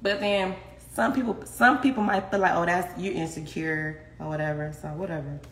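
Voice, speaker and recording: A young woman's fairly low voice holds a mostly even intonation at a normal pace as she chats frankly with her livestream viewers. Broadcasting from her home kitchen on a phone at arm's length, she laughs frequently and swears freely, and the room sounds echoey with faint noise.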